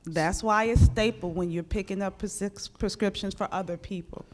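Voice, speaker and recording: A woman's voice: mid-range voice, steady tone, moderate pace. A woman judge and former public defender, explaining traffic law to a community audience in a plain, direct way. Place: community meeting room.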